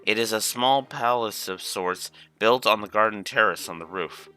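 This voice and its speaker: A man's voice: on the low side, moderate pace, bright, forceful tone, smooth, faint music behind. A man voicing a dutiful, deferential maid in a video game, speaking formally. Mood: courteous. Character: polite, dutiful young castle maid.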